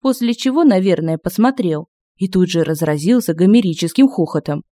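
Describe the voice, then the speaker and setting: A man narrating an audiobook in a lively, expressive reading. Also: high voice, fairly quick, no echo.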